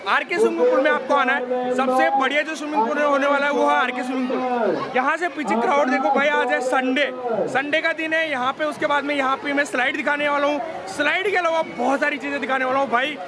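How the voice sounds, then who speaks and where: A young man vlogging excitedly outdoors at a water park, talking loudly into a camera held at arm's length. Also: extremely high pitch, fast talker. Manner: loud, hyped, calls viewers "bhai". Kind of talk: excited vlog walkthrough. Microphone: action camera held at arm's length. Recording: loud crowd and splashing.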